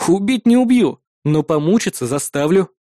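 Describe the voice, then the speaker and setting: A man's voice: high-pitched, animated, moderate pace, warm tone, dry recording, clean studio sound. A man doing a cold armored villain. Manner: cold, menacing.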